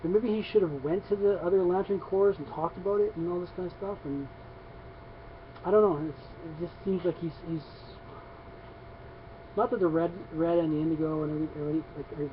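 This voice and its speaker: Guy rambling about his comics at home, kinda high voice, muffled lo-fi recording. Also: steady tone, brisk. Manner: rambling, many restarts and fillers. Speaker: comics vlogger. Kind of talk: casual comic haul video. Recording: dull lo-fi sound with faint noise.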